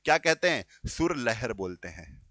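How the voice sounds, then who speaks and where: Bright, forceful male teacher quizzing students. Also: medium pitch, big pitch swings, normal speed, no room sound. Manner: quizzes students and answers himself, repeating key terms; addresses students as bachche and beta. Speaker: exam-prep teacher. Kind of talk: classroom lecture.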